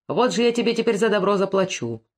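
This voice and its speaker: A woman reading an audiobook, voicing a grim man who threatens his master in a low, steady tone. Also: fast talker, close to an everyday voice. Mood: menacing. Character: grim vengeful male forest guard.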